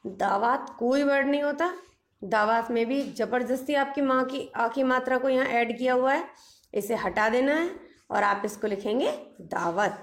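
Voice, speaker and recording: Woman teacher, spelling lesson, repeats every word twice, slightly high voice, unhurried pace. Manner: repeats each word twice, slow and deliberate; mixes English phrases into her explanations. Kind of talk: spelling lesson, reading words aloud.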